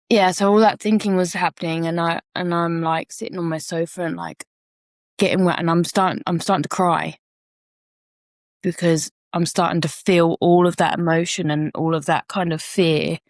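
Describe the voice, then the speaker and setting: A woman's voice: fairly low pitch, little pitch movement, moderate pace, long pauses, dry recording, studio quality. A woman co-hosting a podcast, telling a personal story frankly and reflectively and swearing casually. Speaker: podcast co-host.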